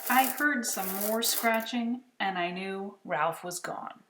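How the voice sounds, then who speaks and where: A woman reading a children's picture book aloud, expressive and unhurried. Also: mid-range voice, reverberant, background noise. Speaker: storytime reader.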